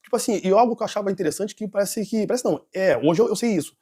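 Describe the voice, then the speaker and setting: A man's voice: high-pitched, lively intonation, very fast, mellow, breathy edge. A nervous man telling a personal testimony in an interview, rambling and correcting himself. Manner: rambling, with restarts and self-corrections. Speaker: interview guest giving a testimony.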